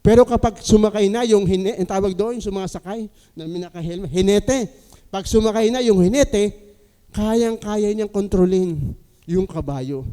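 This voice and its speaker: High-voiced pastor in a reverberant church. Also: male voice, moderate pace, dark tone, clean tone. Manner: asks the congregation questions, polite and engaging. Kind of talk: sermon. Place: church sanctuary. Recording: long church hall reverb.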